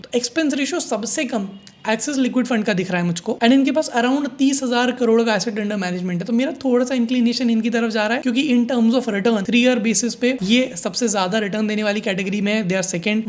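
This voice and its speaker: Chatty man explaining mutual funds. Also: extremely high pitch. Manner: conversational, walks through numbers step by step. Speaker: personal finance YouTuber. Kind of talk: screen-share explainer mixing Hindi and English.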